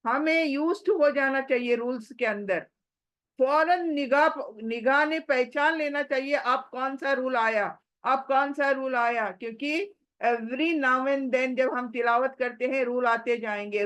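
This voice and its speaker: A woman with a high, fairly bright voice runs an online class on Quran recitation rules. She repeatedly questions her students on words and spells sounds out letter by letter.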